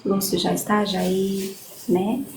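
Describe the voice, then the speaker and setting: Church lady reading out prayer names real slow and sweet, echoey room with noise behind. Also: medium pitch, level tone, vocal fry. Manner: affectionate, reads out names slowly, frequent amém and né. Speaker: church leader taking prayer requests. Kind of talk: live-stream prayer session.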